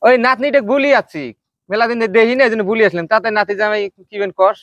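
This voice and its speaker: Man playing a lonely old grandfather, high voice, dry sound. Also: fast, a bit bright, no room sound. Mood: complaining. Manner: plaintive rural grumbling. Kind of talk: comedy skit acting.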